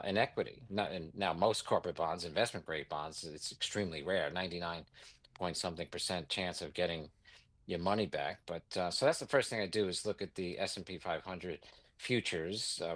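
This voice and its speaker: A man's voice: low-pitched, a bit bright. A man in his sixties with a New York accent, answering interview questions in a rambling, anecdotal way with many fillers. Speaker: guest, bond market executive.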